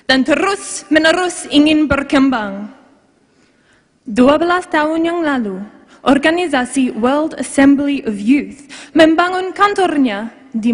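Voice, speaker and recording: A young woman, a native English speaker with an Australian accent, gives a formal prepared speech in Indonesian as a foreigner, with deliberate, emphatic phrasing. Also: sits high. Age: young adult. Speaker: contestant in a public speaking competition. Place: large hall, speaking to an audience. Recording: long hall reverb.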